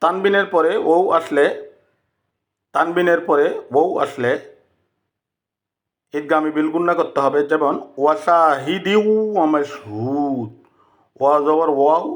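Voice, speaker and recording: A man teaching Quran recitation rules step by step, repeating each example and drawing out the Arabic words slowly. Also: on the high side, steady tone. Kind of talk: slow step-by-step tajweed lesson.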